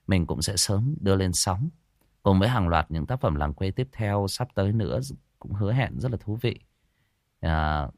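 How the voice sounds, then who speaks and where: Man, storyteller, low voice, lively intonation, dry close sound. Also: dry recording. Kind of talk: audiobook narration.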